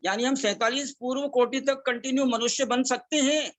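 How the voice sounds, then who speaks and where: A man leads a religious recitation class in a high-pitched voice. He chants verses slowly and deliberately, stressing each vowel length, then explains pronunciation, slipping in English phrases. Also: fairly even intonation, fairly bright tone. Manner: mixes English phrases into Hindi. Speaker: scripture recitation teacher.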